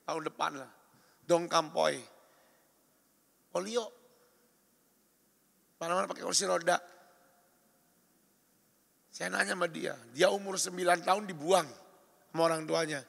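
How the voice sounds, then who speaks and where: A man preaching a sermon as pastor, emphatic and exhorting, shifting between loud calls and quiet asides. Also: sits high, fairly even intonation, a little slow, vocal fry, long pauses. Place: church or retreat hall. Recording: reverberant hall recording.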